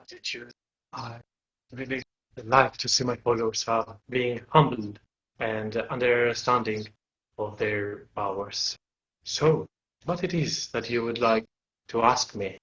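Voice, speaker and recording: A man's voice: mid-range voice, measured pace, fairly bright tone, dull audio, natural voice. A man voicing a wise, solemn dragon-like patron creature who speaks like an old sage in a tabletop game. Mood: grave, approving.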